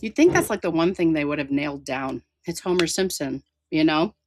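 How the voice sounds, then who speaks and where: A middle-aged woman hosting a podcast, her voice sitting low in pitch. She talks in a loose, chatty way and laughs easily. She is recorded close on a studio microphone. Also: animated, a little fast, slight background noise. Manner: giggly, chatty. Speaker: podcast host. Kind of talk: casual chat.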